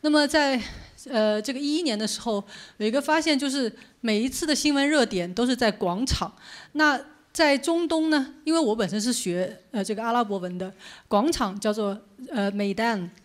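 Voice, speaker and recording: A woman's voice: a little high, normal speed. A woman speaker giving an informal public lecture in a conversational, explanatory way. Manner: conversational, explanatory, poses questions to listeners. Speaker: journalist giving a book talk.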